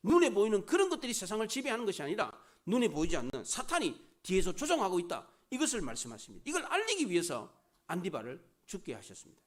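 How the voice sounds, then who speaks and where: A man's voice: sits high, wildly swooping pitch, fast. A male pastor delivering a sermon, full of rhetorical questions and dramatic rises and drops.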